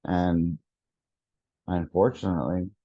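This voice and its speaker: A man giving a lesson to teachers, speaking deliberately and repeating key words for emphasis. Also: sits low, steady tone, mellow, dry recording, dull audio. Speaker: education consultant.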